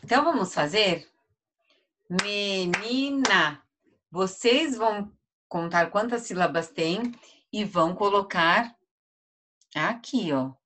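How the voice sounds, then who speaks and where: Background noise sits under this Brazilian teacher's medium-pitched, animated, slightly slow voice as she runs an online class for first graders. Her Brazilian Portuguese accent comes through while she draws out every word one syllable at a time for the young children.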